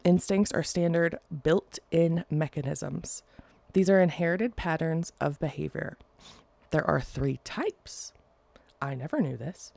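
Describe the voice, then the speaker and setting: In this casual solo podcast, the host sounds congested and nasal, speaking a little slowly at medium pitch with vocal fry and a slightly mellow quality. Taping alone at home, they drift into playful, rambling asides, with no echo.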